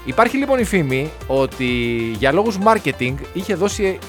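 Chatty higher-voiced man co-hosting. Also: big pitch swings, soft background music. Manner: chatty, rambling, jokey. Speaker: radio co-host. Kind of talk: casual chat.

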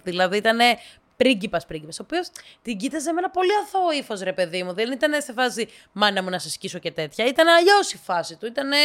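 A woman tells funny stories in a relaxed, chatty way. She brings the dialogue to life with sudden jumps up in pitch. Between those she drops into quiet, low asides. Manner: lively, acts out dialogue with sharp pitch jumps. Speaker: storyteller. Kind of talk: casual anecdotal storytelling to listeners.

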